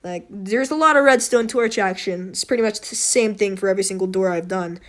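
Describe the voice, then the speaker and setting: A woman with a hoarse, slightly wheezy voice giving a casual, unscripted game tutorial in a rambling, self-deprecating, apologetic way. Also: medium pitch, a little fast, fairly bright tone. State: hoarse throat. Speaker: tutorial host.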